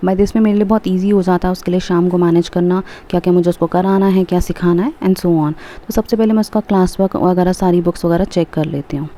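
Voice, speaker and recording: A woman's voice: mid-range voice, dark tone. A woman in her thirties narrating her daily routine as a mother in a casual vlog. She chats along and mixes English phrases into her Hindi. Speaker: vlogger and mother.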